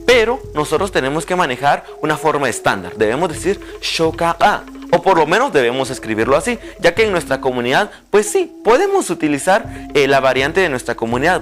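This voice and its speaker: A man teaches a televised language lesson, his fairly high voice rising and falling in lively swings. He sounds out each drill word slowly and carefully. Soft music plays faintly under him. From Guatemala. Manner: slow, carefully spelled-out pronunciation drills.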